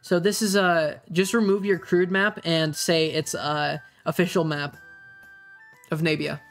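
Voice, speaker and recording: Halting game master over soft music. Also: mid-range voice, level tone. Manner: hesitant, halting, searching for words. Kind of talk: improvised tabletop game narration.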